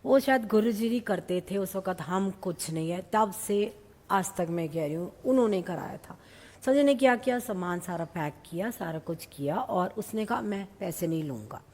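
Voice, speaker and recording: A middle-aged woman telling devotional stories in a lively way, slipping into English phrases now and then. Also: mid-range voice, moderate pace, long reverb tail. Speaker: devotee sharing experiences. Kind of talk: satsang storytelling.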